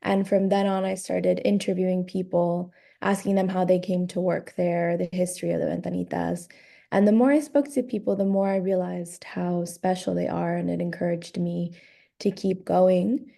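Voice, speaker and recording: A woman guest raised in Miami, telling her story in a relaxed way and laughing easily in a casual interview. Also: lowish voice, moderate pace, vocal fry. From raised in Miami, born in Guatemala. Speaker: guest, author and graphic designer. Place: London.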